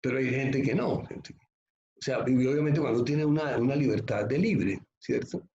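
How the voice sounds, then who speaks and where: A man's voice: mid-range voice, normal speed, mellow, a little hiss or hum. A man preaching a sermon as pastor, emphatic and conversational, often asking the listeners rhetorical questions. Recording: echoey, slightly muffled room recording.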